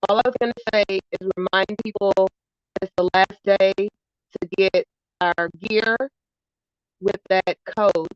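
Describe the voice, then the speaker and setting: A woman's voice: mid-range voice, fairly even intonation, takes it slowly, dry recording. A woman calling in to a livestream for a casual chat, her call audio breaking up and crackling. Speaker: caller on a livestream. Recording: dull lo-fi call audio, dry, faint music behind.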